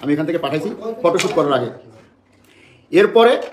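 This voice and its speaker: A man's voice: a little high, animated, brisk, roomy sound, a crowd in the background. A man from Bangladesh making an emotional public statement to the press, agitated and repeating phrases over and over.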